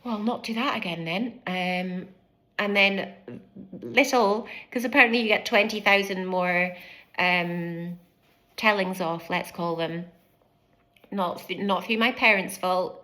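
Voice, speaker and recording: Bright-voiced British woman in her fifties. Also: fairly low pitch, slow pace. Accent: British English. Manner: candid, animated, acts out quoted speech; fidgets and moves while speaking. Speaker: former family doctor sharing her story. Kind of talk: personal vlog storytelling to camera.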